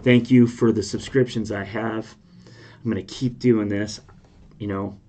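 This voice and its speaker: A man's voice: lowish voice, fairly even intonation, measured pace, mellow. A man hosting a reaction video, talking casually and conversationally as he shares personal anecdotes. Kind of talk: casual rambling chat and storytelling.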